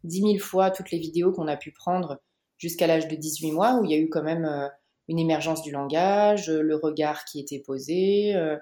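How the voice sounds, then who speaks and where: A woman from the Paris region in her thirties, telling her family story as a podcast guest, with frequent pauses and fillers. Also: deep voice, dark tone, reverberant. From Paris region, France. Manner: hesitant, many "euh" fillers and restarts. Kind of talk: podcast interview, personal testimony.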